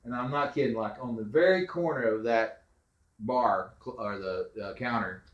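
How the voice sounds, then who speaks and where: A middle-aged man, a father telling family ghost stories in a casual, animated way, acting out quotes loudly. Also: mid-range voice, normal speed, roomy sound, highs cut off. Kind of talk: casual storytelling.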